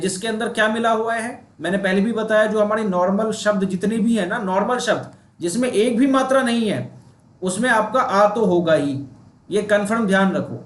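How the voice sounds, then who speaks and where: A man's voice: high voice, roomy sound. A man teaching a diction class on a video call, explaining patiently step by step and repeating himself. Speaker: acting teacher.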